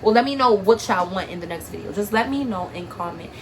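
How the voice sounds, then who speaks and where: A woman's voice: mid-range voice, animated, fast talker, background noise. A young woman from Harlem, vlogging through tears with a stuffy nose and a shaky voice, blunt and profane. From Harlem, New York. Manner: blunt, profane, streetwise talk. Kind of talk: emotional personal vlog.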